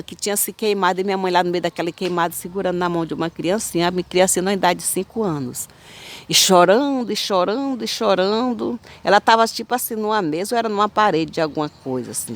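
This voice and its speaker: A woman in her fifties with a Brazilian accent, telling her own dreams in a rambling, repetitive, halting way. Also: fairly low pitch. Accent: Brazilian Portuguese. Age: 50s. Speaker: spiritual channel host. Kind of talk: personal testimony of dreams.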